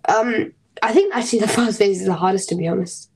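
Woman, middle pitch, casual gaming chat, rambling, fillers, halting explanations. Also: darkish tone, a little hiss or hum, poor audio. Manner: explains game strategy in detail. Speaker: podcast co-host.

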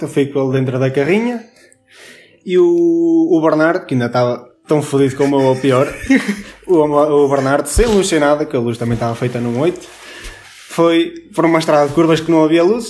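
A man's voice: a little high, fast, a little mellow, a little hiss or hum. A young man with a European Portuguese accent, telling a story in casual podcast chat, laughing often and swearing freely. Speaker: podcast co-host.

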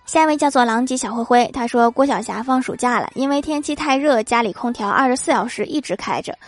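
A woman's voice: on the high side, fast talker, soft background music. Playful woman reading comedy jokes. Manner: playful storytelling, laughing at her own punchlines. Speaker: host of a comedy joke podcast. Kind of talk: reading jokes with acted quotes.

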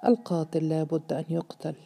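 A woman voicing an angry young man set on revenge, spoken in her own low storytelling voice. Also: fairly even intonation, fast, creaky, warm tone, a little hiss or hum. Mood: vengeful. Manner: bitter, vengeful.

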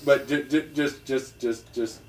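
A man's voice: medium pitch, steady tone, a little slow, darkish tone, recorded from a distance. A man co-hosting a casual podcast, retelling film scenes with stammered restarts. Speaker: podcast co-host. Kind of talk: casual chat. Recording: roomy sound from off-mic.

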